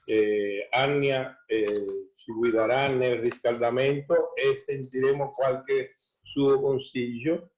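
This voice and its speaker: A man co-presenting with a halting spoken announcement, pausing often between phrases, in a dull lo-fi recording. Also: mid-range voice, fairly even intonation, a little mellow. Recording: dull, lo-fi sound.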